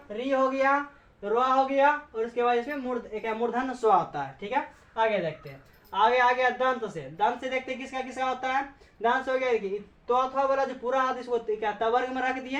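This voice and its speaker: A woman teaching a class, asking questions and answering them herself, repeating points and checking in with frequent okays. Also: a little high. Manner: frequent "okay" checks with students. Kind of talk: classroom lecture. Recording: echoey room, dull lo-fi sound.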